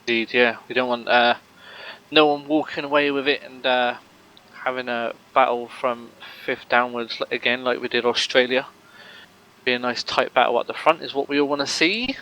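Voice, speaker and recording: A man's voice: medium pitch, steady tone, moderate pace, pushed and bright, poor audio. A man commentating a sim race live, rambling with lots of fillers and joking banter with his co-host.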